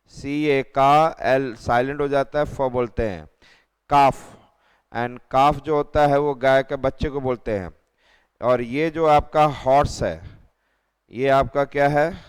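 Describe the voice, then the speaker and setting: A man's voice: mid-range voice, clean tone, big-room sound. A man teaching children, spelling English words letter by letter and repeating them.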